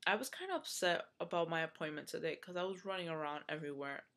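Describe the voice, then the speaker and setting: A woman's voice: low-pitched, animated, quick pace, fairly bright tone. A young woman from the United States in a casual vlog, venting with frustration, swearing and using lots of fillers, with a runny nose. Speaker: vlogger.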